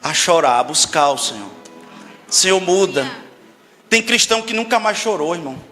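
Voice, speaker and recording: A man's voice: on the high side, sing-song, brisk, pushed and bright, long reverb tail, faint music behind. A man preaching a sermon as pastor, emphatic and constantly asking the congregation questions.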